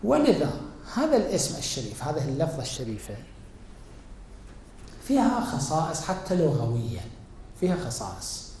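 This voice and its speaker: Cleric guy teaching slow and halting, big booming echo, faint hiss behind. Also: huge pitch swings. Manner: deliberate, halting, asks and answers own questions; swings between raised emphatic and hushed tones. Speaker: cleric teaching Quran exegesis. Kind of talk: religious lecture. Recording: very echoey hall.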